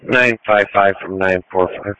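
A man's voice: lowish voice, steady tone, unhurried, pushed and bright, clean tone, no room sound. A male ambulance crew member giving status reports and messages over a two-way radio. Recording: dry, slightly muffled radio audio.

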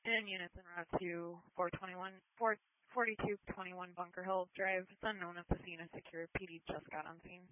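A woman's voice: fairly low pitch, fairly even intonation, a little fast, no echo. A woman working as an emergency dispatcher, speaking in terse, businesslike procedural phrases over two-way radio. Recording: tinny narrowband two-way radio.

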